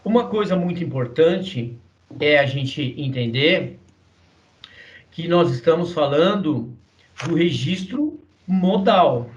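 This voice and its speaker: A man with a Brazilian Portuguese accent gives a patient voice lesson, his voice sitting a little high. He keeps checking that his listener is following and demonstrates different vocal registers. The mic is set back and the sound is dull and muffled. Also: expressive, slow, distant mic. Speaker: singing teacher. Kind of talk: explanatory voice lesson.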